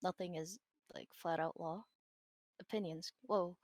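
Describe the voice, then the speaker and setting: A woman's voice: fairly low pitch, fairly even intonation, unhurried, a little mellow, no echo. A woman guest on a podcast, speaking hesitantly and self-doubtingly, with frequent "like"s and small laughs. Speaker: guest, digital artist. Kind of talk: casual interview chat.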